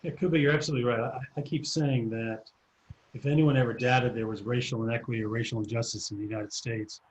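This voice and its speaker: A man's voice: fairly low pitch, a little hiss or hum, low-quality recording. A man hosting a video-call interview, asking earnest, sympathetic questions. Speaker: interview host.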